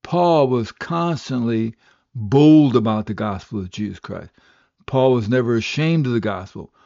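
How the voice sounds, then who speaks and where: An older man preaching a radio sermon and telling his own testimony, in an earnest, steady storytelling manner. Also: mid-range voice, measured pace, creaky, dry recording. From West Africa. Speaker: radio pastor. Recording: slightly dull, dry radio recording.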